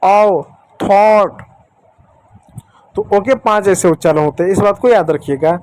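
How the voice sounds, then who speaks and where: A man teaching English letter sounds to children, repeating each sound slowly and patiently and talking to the kids directly. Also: sits high, a little mellow. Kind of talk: explanatory lesson.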